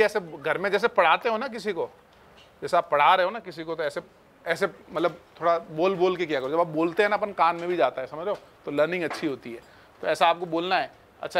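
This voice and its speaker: A man's voice: high voice, a bit bright, slight background noise. A man teaching chemistry in a casual, chatty way, talking to his students like friends. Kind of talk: casual classroom talk.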